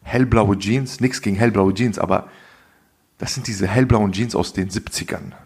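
A man telling a story casually on a podcast in heavy street slang, animated and full of asides. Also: lowish voice, normal speed, slightly rough. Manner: slangy, animated storyteller, says "Alter" a lot. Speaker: podcast co-host.

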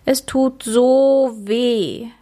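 A woman voicing a big, hairy, gentle male forest creature in a children's story. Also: mid-range voice, lively intonation, measured pace. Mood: whimpering. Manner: whiny, then gleeful and solemn.

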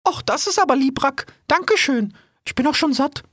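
A woman's voice: sits high, expressive, normal speed, fairly bright tone, dry recording, studio quality. A woman voicing a polite, chatty female mouse surveyor in an audio drama, formal and eager. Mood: grateful.

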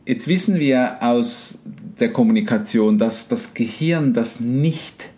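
A man's voice: medium pitch, slow. Male host, conversational explainer, acts out thoughts. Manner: animated, acts out inner voices and quotes.

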